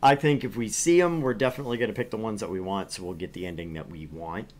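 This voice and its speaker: A man with a lowish voice talks fast while streaming a game, bantering casually and jokingly as he plays and reads along.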